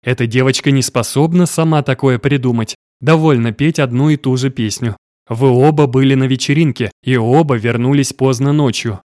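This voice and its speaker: A man voicing a stern, domineering middle-aged father who scolds harshly and is quick to anger. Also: medium pitch, a little mellow, no echo, clean studio sound, lightly acted. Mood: dismissive.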